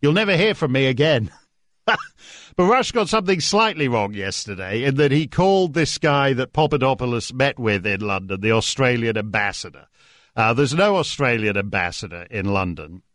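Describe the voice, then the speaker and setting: Lively sardonic male talk radio host. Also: mid-range voice, normal speed, no room sound, studio quality. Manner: sardonic, jokey, many "uh" fillers. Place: radio studio. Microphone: studio microphone.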